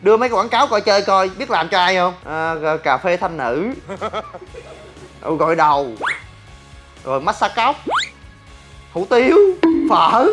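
A man, a gym business owner ranting to his viewers in a blunt, crude and animated way and often asking "right?". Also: high voice. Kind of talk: casual ranting talk to viewers.

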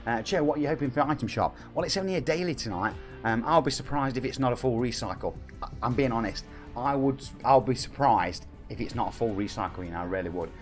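Faint music underlies the casual live-stream chat of a fast-talking, medium-pitched man in his forties. He's English with a Nottingham accent and reads out viewer comments cheekily.

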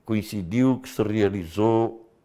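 With a voice on the low side and a slow pace, an older man from Mozambique shares his past as a liberation fighter during a studio interview. His delivery is animated and laced with casual fillers.

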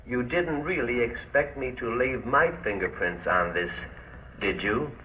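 An actor playing a brisk police fingerprint examiner in a 1940s film serial, speaking matter-of-factly. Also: male voice, mid-range voice, bright, forceful tone, lo-fi sound. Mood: intent. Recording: boxy, distant old film soundtrack, faint noise.

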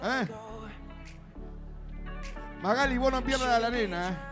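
Playful Argentine stage co-host. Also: male voice, extremely high pitch, a little slow, music in the background. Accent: Argentine Spanish. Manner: playful, teasing, chatty. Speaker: festival co-host. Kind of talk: joking live stage banter. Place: outdoor festival stage.

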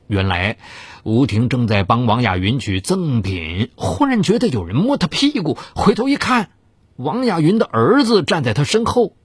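A man's voice: big pitch swings, moderate pace, slightly rough, no room sound. A man narrating a dramatized true-crime story in a theatrical, suspenseful way. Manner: theatrical, swings of pitch for suspense.

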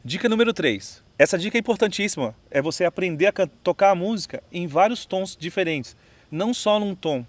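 Chatty Brazilian guitar teacher, higher voice. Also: male voice, lively intonation, fairly quick, no echo. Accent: Brazilian Portuguese. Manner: chatty, says "entendeu?" often. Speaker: music teacher. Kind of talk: casual video lesson with guitar. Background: his own guitar playing.

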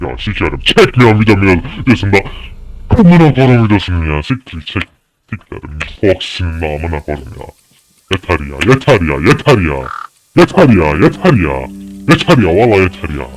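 A young man giving angry gameplay commentary, swearing and shouting at the game in a fury. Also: low voice, big pitch swings, normal speed, over music. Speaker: gaming YouTuber.

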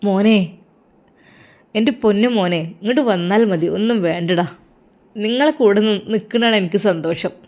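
A woman's voice: medium pitch, normal speed, pauses often, a little mellow, natural voice. A woman voicing a tearful grieving father. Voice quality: sorrowful, pleading. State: crying. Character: grieving adult man, abandoned father, tearful. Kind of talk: storybook narration.

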